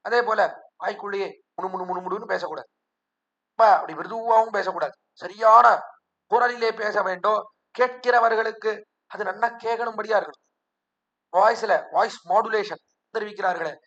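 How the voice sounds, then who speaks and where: A man's voice: high-pitched, fairly bright tone, dull audio. A man giving a devotional discourse, telling the story and acting out what the characters say. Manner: storytelling, acts out characters' speech. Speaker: religious discourse speaker.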